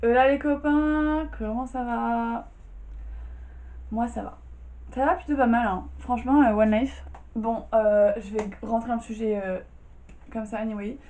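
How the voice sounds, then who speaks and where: A woman's voice: fairly high pitch, fairly even intonation, a little slow, long pauses, mellow. A young woman vlogging casually from her bedroom, tired and just out of bed, chatty and full of slang and fillers. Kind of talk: casual chat.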